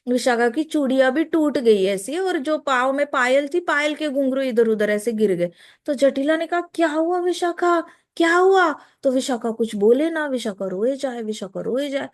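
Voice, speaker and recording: A woman's voice: sits high, moderate pace. A woman telling a devotional story vividly, repeating phrases and mixing in English words.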